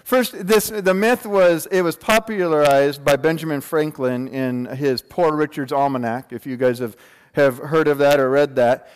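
A man's voice: a little high, moderate pace, clear, resonant tone. A man around his forties preaching a casual sermon to a congregation, informal and joking, checking in with rhetorical questions. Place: large room, speaking to a congregation. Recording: long hall reverb.

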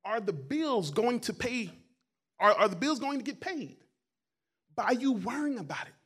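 A man preaching a sermon as a guest pastor, loud and emphatic in places and quiet in others, often repeating his words and phrases. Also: very high voice, very animated, moderate pace, husky. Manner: preaching, swings between quiet asides and loud emphatic calls.

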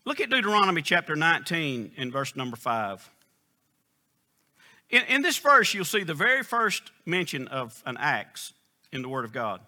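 A man preaching a sermon, reading scripture in King James wording and telling folksy, humorous stories. He rises to loud, emphatic questions and drops to quiet, low storytelling. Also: big pitch swings, normal speed.

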